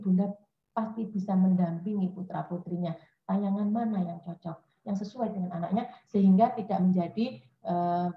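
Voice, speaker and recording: A woman gives a parenting talk in a chatty, lively way, often slipping into the voices of the parents and children she quotes. Her voice sits at a middle pitch. The audio is dull and lo-fi, with an echoey room around her. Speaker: parenting webinar speaker. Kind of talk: informal parenting talk to mothers.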